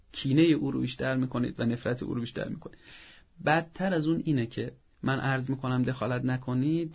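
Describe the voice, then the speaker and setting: A man's voice: medium pitch, gravelly, slightly rough, muffled recording. A man speaking as a parenting expert, giving earnest advice and acting out parents' scolding. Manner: didactic, earnest, acts out parents' scolding in a raised voice. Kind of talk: advice talk on a show.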